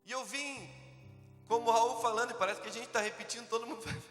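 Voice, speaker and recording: A man from Brazil, telling a personal testimony as a preacher at a youth event, a vivid storyteller who slows down when quoting his prayers. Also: extremely high pitch, steady tone. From southern Brazil. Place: large church hall. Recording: echoey hall with soft music.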